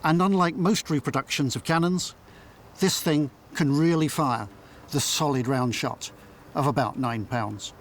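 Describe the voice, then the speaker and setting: A man's voice: fairly high pitch, unhurried, slight background noise. A man presenting and explaining as an expert in a documentary.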